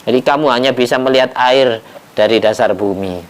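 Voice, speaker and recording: A man's voice: mid-range voice, a little fast. A man, preaching and explaining scripture commentary in a folksy, teasing way, repeating phrases for emphasis. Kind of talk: sermon, explaining Quran commentary.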